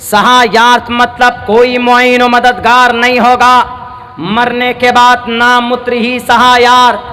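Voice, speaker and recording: A male preacher with a very high, forceful voice delivers a fiery sermon to a crowd, speaking slowly with little pitch movement. He is emphatic and declamatory, repeating phrases for stress and mixing scripture recitation with English words, all through noisy public address sound with long, heavy reverb.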